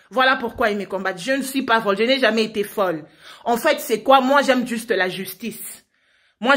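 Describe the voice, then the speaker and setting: A young woman in her twenties speaks in a notably high voice, pleading insistently with her listeners. She piles up rhetorical questions, repeats herself and trips over restarts as she presses her case. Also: a bit bright. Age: 20s. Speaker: provincial deputy denouncing her parents. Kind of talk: impassioned public appeal.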